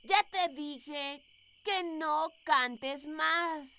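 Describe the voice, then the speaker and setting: Very high, sleep-talking little cartoon girl. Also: very slow, pushed and bright, no room sound, heavily acted. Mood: sleepy, insistent. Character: small sleeping child character talking in her sleep. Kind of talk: cartoon voice acting.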